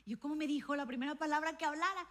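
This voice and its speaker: Woman pastor, sermon, bright voice, fairly high pitch, lively storyteller. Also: rapid-fire. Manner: animated storytelling, acts out dialogue with a raised voice. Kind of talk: sermon with personal testimony.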